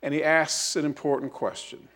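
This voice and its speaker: A man preaching a sermon as pastor, telling a story with lively quoted voices and slow, emphatic repetition. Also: on the high side.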